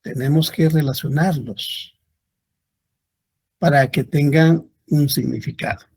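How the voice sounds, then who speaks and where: A man giving a classroom lecture, speaking slowly and deliberately and repeating examples for his students. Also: a little high, fairly even intonation, creaky, a little mellow, slightly rough. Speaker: university lecturer.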